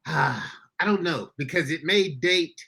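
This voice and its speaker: Male pastor-host, high bright voice, upbeat and folksy with listeners. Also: a little slow, slightly rough. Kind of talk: casual podcast chat. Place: Florida.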